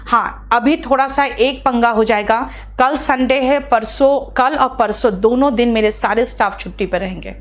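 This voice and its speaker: A woman teaching English in a live online class, explaining in Hindi with English terms, fast and chatty, calling her students "beta" and repeating key words. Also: sits high.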